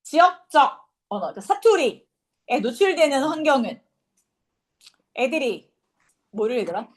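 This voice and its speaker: A woman's voice: high voice, very animated, normal speed. A young woman teaching an English class, lecturing casually and quizzing her students.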